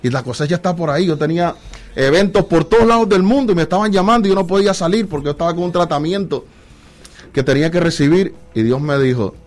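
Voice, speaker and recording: A man, a guest musician, telling a lively personal faith story in a casual interview, acting out dialogue as he goes. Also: high voice, fast talker. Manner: animated storytelling, acts out dialogue with God.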